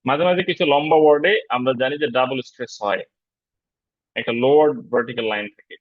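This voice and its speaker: Male teacher, online class, explanatory and unhurried, dull dry sound. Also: medium pitch, dry recording. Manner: relaxed, explanatory, frequent fillers. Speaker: English teacher. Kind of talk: online lecture on pronunciation. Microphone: video call.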